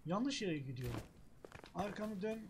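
Woman gamer, chatty self-talk, swears, pitch leaps around, noisy recording. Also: expressive, a little slow. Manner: talks to herself, swears and jokes, yelps at hits. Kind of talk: casual let's-play commentary.

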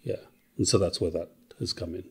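A man's voice: low voice, fairly even intonation, brisk, fairly bright tone, husky. A middle-aged man from Wales with a Welsh accent, a podcast guest chatting casually and thinking aloud with many fillers and restarts. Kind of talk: casual interview chat.

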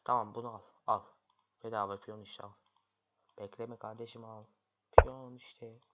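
A man's voice: lowish voice, little pitch movement, normal speed. A man commentating his own online chess games, grumbling and muttering in frustration at his opponent. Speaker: chess streamer. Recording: lo-fi, loud background noise.

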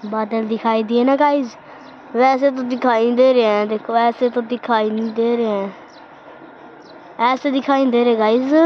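Chatty high-voiced woman vlogging outdoors. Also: highs cut off, a little hiss or hum. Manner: chatty, keeps calling on viewers to look. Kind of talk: casual walking vlog. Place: outdoors in a village around home. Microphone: phone held while walking.

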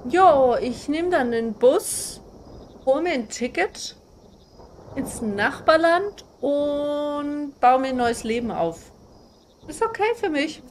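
A woman's voice: sits high, slight background noise. A young woman giving casual commentary on a horror game she is playing, jumpy and swearing, screaming at the scares. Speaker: gaming streamer.

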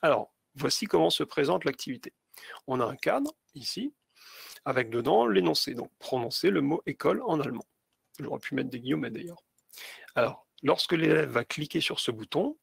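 Male trainer for a tutorial; gravel in the voice, a husky edge, dry close sound, walking teachers through each step patiently. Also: mid-range voice, dry recording. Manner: explains step by step with many fillers. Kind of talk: screen-share tutorial.

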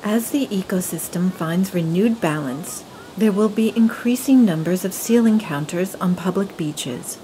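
A woman narrating a nature documentary in a calm, measured and gentle way. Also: on the low side, slight background noise, rough recording.

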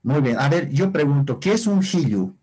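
A man's voice: fairly high pitch, sing-song, normal speed, dark tone, husky. A man teaching a Quechua class online, explaining patiently and often asking his students if they follow. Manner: explanatory, asks frequent tag questions.

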